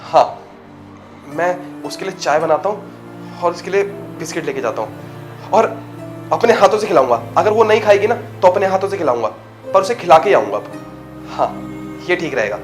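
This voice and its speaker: An actor playing a gentle, devoted husband who works as a security guard, speaking softly and earnestly. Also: male voice, a little high, animated, measured pace, pauses often. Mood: tender. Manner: soft, earnest, coaxing. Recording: clear background music.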